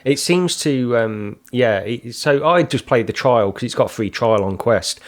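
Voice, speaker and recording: A man co-hosting a podcast in relaxed, agreeable chat, steering the talk along to the next topic. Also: mid-range voice, a little slow. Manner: easygoing, agreeable, steers the conversation. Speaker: podcast co-host.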